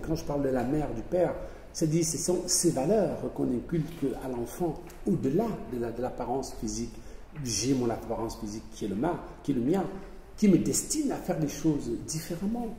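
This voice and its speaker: A man's voice: fairly high pitch, warm tone. Emphatic man in an echoey hall. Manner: emphatic, repeats phrases, acts out dialogue. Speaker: author speaking at a public event. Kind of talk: spontaneous talk to an audience. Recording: echoey hall, voice from far off, faint noise.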